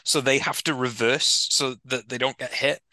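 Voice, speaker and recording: A man co-hosting a casual film discussion, talking in a relaxed way and laughing between his points. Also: medium pitch, normal speed, dry recording. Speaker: podcast co-host.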